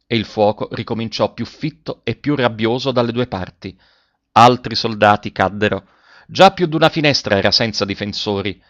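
A man narrating a classic story as an audiobook, in a measured and expressive way, in a dull lo-fi recording. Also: fairly low pitch, dry recording.

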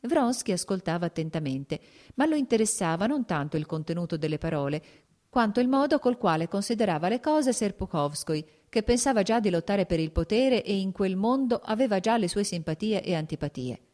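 A woman reading a novel aloud as an audiobook narrator, steady and even. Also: lowish voice, fairly quick. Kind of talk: scripted narration.

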